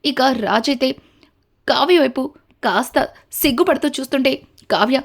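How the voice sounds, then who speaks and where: A woman narrating a steady, story-style recap of a TV serial episode, linking each event to the next. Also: sits high, normal speed. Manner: steady retelling, links events with repeated connectives.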